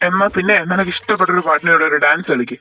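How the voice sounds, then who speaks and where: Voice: mid-range voice, rapid-fire, sharp tone, recorded from a distance, highs cut off. A performer voicing a brusque, dismissive young college man who shoos a girl away. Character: grumpy young male college dancer.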